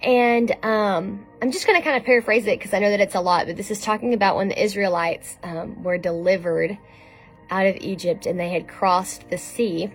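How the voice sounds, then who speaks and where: Conversational woman preaching over soft music. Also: medium pitch, steady tone, moderate pace. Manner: conversational, with frequent ums and restarts. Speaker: speaker giving a devotional message. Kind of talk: informal sermon.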